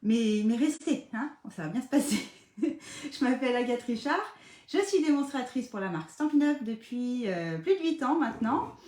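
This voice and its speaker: Woman, middle-aged, from western France, live craft tutorial, chatty and playful, slightly high voice, echoey room. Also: expressive, moderate pace, dark tone. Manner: chatty, playful, frequent hesitations and laughs. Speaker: paper craft demonstrator.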